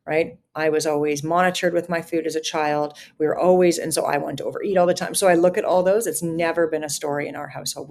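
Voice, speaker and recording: A woman in her fifties with a deep, gravelly voice appears as a podcast guest. She converses casually but earnestly, stringing her ideas into long, run-on thoughts.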